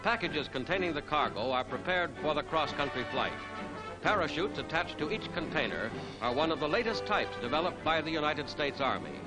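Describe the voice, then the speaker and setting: 1940s newsreel announcer over loud music. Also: male voice, on the high side, very animated, low-quality recording. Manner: brisk announcer delivery. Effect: old newsreel narration. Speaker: newsreel narrator.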